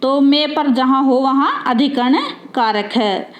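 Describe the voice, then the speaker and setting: A woman's voice: high voice, takes it slowly, reverberant. A woman teaching a grammar lesson, repeating definitions and asking her students rhetorical questions.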